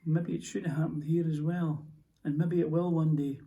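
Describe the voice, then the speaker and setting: A haunted Scottish soldier, played by a man on stage, speaks in a stage monologue. His voice sits a bit high and carries a Scottish accent. He talks in halting, stammering bursts of emotion. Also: fairly even intonation, mellow, dull audio, natural voice. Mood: tense. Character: Scottish soldier recounting a prisoner's execution, haunted. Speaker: stage actor. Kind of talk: theatrical monologue. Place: theatre stage.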